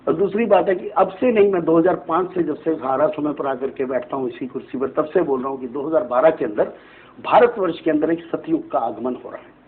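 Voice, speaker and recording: This fairly high-pitched man speaks fairly quickly as an astrologer being interviewed in a TV studio. He lectures at length in a preachy manner, repeatedly asking "right?" for agreement, over a tinny, phone-band recording with faint hiss.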